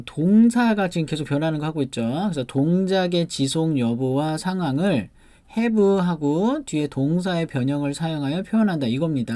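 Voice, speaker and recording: A man giving an online English grammar lecture, explaining step by step and reading example sentences slowly before translating them. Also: a little high, dark tone, no room sound. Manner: explains step by step, often restarting with "자" and "그러니까".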